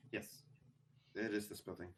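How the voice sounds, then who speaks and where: A man's voice: lowish voice, level tone, unhurried, reverberant. A man playing a tabletop game over voice chat whose connection keeps glitching and breaking up. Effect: glitching, breaking-up online call connection. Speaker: player. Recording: noisy, glitchy voice-chat audio.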